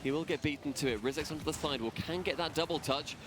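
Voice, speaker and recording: Fast-talking male esports caster, noisy feed. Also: fairly high pitch. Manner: rapid, energetic play-calling with joking banter. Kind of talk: live esports play-by-play commentary. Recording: broadcast feed with noisy background.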